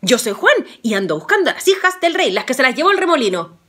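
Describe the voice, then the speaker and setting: A woman's voice: high voice, very animated, fast, a bit bright, breathy edge, voice pushed up, exaggerated voice. A woman voicing a confident young hero who talks boldly and reassuringly. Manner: bold and reassuring.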